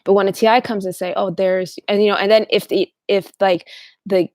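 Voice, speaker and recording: A woman's voice: mid-range voice, fairly even intonation, brisk, darkish tone, no room sound. A woman hosting her own channel, talking in a rambling, casual monologue, often restarting sentences and acting out what other people say. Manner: rambling, restarts often, acts out quoted voices. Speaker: channel host.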